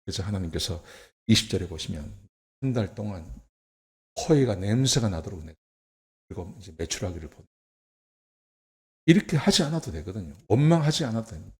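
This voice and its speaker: A man preaching a sermon as pastor, talking conversationally with rhetorical questions and swinging from soft to emphatic. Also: on the low side, big pitch swings, a little fast, long pauses. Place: church.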